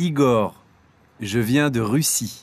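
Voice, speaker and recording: A man's voice: medium pitch, measured pace, natural voice. A man playing a plain-spoken young male student in a scripted course dialogue, giving short matter-of-fact answers.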